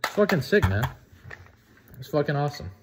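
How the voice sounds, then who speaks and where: An eighteen-year-old man from the United States chatting casually on a vlog, excitable, profane and rambling. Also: on the high side, fairly quick, noisy background. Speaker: vlogger.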